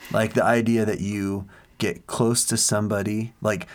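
A man's voice: fairly low pitch, little pitch movement, normal speed. Earnest man rambling through a faith chat. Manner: earnest, rambling storyteller with many fillers. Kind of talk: casual faith discussion.

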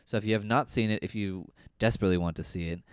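Male podcast co-host, lowish smooth voice, wry casual review chat, close dry sound. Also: very fast, no room sound. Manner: wry, joking.

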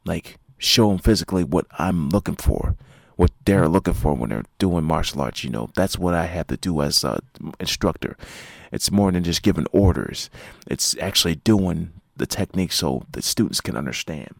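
With a low, creaky voice, this martial arts instructor speaks at a normal speed, animated and with hardly any pauses, and there's no echo. Though sleepy and yawning, he rambles casually on his solo podcast with lots of fillers and restarts.

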